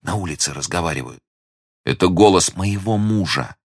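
Man doing a nervous young lady, soft hushed speech, hesitant, low voice kept quiet, dry recording, audiobook character. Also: expressive, moderate pace, slightly rough, no room sound, heavily acted. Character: young woman, anxious secretive lady in danger.

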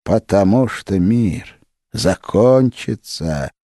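A man's voice: mid-range voice, big pitch swings, takes it slowly, creaky, dark tone, no echo, clean studio sound, pitched above the performer's own voice, exaggerated voice. A man voicing an exalted tsar who confides in whispers and proclaims in triumph. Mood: triumphant. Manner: whispering, then triumphant and fervent.

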